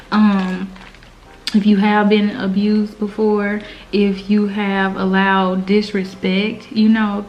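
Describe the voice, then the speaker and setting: A woman's voice: medium pitch, a little mellow. American woman chatting casually, slightly dull sound. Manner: informal, slangy, earnest advice-giving. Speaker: mukbang host. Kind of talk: casual girl talk while eating.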